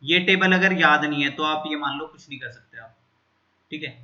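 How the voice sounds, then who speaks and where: A man's voice: a little high, moderate pace, sharp tone, dull audio. A man teaching a maths lesson at a board, going through steps and checking in with students often.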